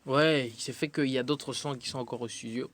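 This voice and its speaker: Speaking fairly quickly in a steady, slightly bright mid-range voice, this Congolese musician gives considered radio-interview answers. He pauses to hesitate a lot and leans on fillers.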